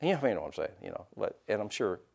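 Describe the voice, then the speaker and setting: A man pastor preaching a sermon in a folksy, animated way, acting out quotes and leaning on "you know". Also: lowish voice, very fast, vocal fry, slightly rough.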